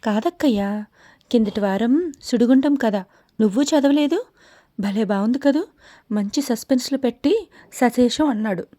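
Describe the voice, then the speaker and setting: An eager, chatty younger sister, as a woman narrator puts her on, pitched a little high and talking in a mellow, warm tone. She sounds impatient and a touch haughty. The sound is close and dry, as in an audiobook reading. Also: normal speed, pauses often, no echo, lightly acted. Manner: excited, chatty, a bit haughty.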